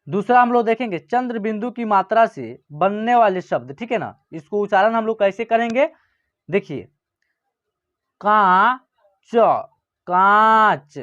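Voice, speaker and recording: A man teaching a reading lesson who says each word slowly and twice, checking often that listeners follow. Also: high voice, expressive. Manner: often adds "ठीक है ना" and "समझ गए ना". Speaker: Hindi teacher. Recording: muffled lo-fi recording.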